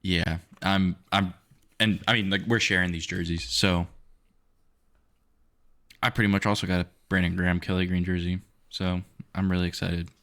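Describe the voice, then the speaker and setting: A man with a very low voice co-hosting a casual sports podcast. He keeps it loose and goofy, trading jokes with his co-host. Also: flat delivery, normal speed, long pauses, a bit bright. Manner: goofy, joking banter. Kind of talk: casual chat.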